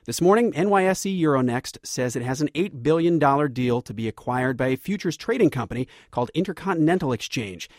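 A man's voice: on the high side, lively intonation, a little fast, hardly any pauses, no echo, studio quality. A man with an American accent reading scripted radio news as host. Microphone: close studio microphone.

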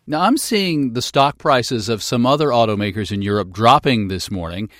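A man's voice: medium pitch, normal speed, fairly bright tone, dry recording. Male news host, medium register, scripted radio delivery, dry studio.

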